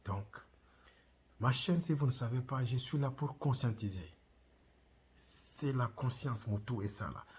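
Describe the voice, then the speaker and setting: A middle-aged channel host from the DR Congo, with a Congolese French accent, talks to camera in a medium-pitched, slightly mellow voice. He keeps a measured pace and pauses often, yet stays impassioned, asking rhetorical questions again and again. A little hiss or hum is audible.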